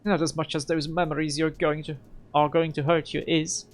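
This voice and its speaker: A man reading a game aloud and voicing a nervous, defensive male hacker in a higher, strained voice. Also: level tone, moderate pace, close to an everyday voice. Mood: sad.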